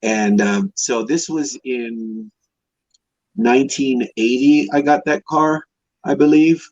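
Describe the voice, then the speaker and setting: Speaking slowly in a medium-pitched, slightly mellow voice, this man from Hawaii is a classic car restorer in his fifties appearing as a podcast guest. He shares personal stories in a casual, rambling, conversational way. There is no room sound, and the connection is dull, dry, and lo-fi.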